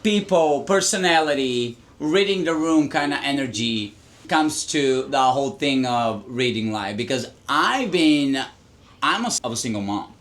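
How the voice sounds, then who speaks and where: A man around thirty hosts a relaxed, informal conversation while drunk. His voice sits at a medium pitch as he puts questions conversationally. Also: measured pace. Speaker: podcast host. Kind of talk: casual conversational interviewing.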